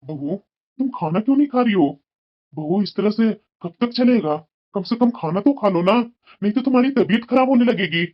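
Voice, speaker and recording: A woman's voice: mid-range voice, lively intonation, normal speed, faint music behind, close to an everyday voice. A woman voicing a caring, anxious older father-in-law in a cartoon, talking in a pleading, fretful way. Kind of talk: cartoon voice acting. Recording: dull lo-fi recording.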